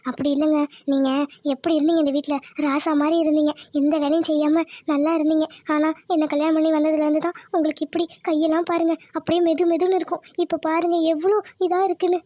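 A woman voicing a gentle, self-blaming young village wife in a cartoon. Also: sits high, little pitch movement, fast talker, dry recording, close to an everyday voice. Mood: tender. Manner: soft, humble, pleading. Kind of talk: cartoon voice acting.

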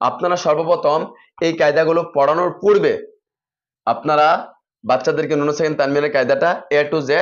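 A man teaching teachers how to drill children in reading, methodical and repeating set spelling patterns. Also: fairly high pitch. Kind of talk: instructional explanation for teachers. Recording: dull lo-fi recording.

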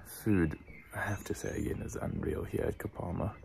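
A man giving a casual travel vlog talk to camera on safari in a hushed, half-whispered voice. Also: sits low, steady tone, fast, gravelly, noisy background. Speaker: travel vlogger.

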